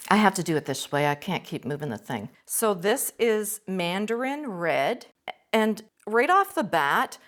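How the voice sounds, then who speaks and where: A woman hosting an art channel, a teacher reviewing watercolors in a casual vlog, full of excited exclamations. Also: medium pitch. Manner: enthusiastic, gushing exclamations.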